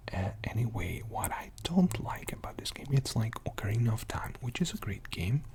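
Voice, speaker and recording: A young man whispering softly in an ASMR video, rambling casually with many fillers. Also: mid-range voice, big pitch swings, moderate pace. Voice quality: mostly unvoiced whisper. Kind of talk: whispered ASMR game show-and-tell.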